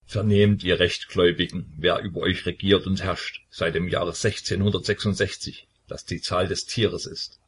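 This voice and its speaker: A man's voice: sits low, fairly even intonation, moderate pace, few pauses, breathy edge. A man voicing a stern old religious zealot who speaks in a solemn, preaching way.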